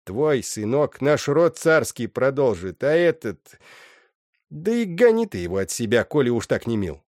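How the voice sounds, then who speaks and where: A man's voice: medium pitch, sing-song, unhurried, a little mellow, no echo, studio quality, pitched above the performer's own voice. A man voicing a scheming old mother witch who scolds and mocks, in an audiobook. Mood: mocking. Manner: scolding, mocking. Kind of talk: audiobook character voice.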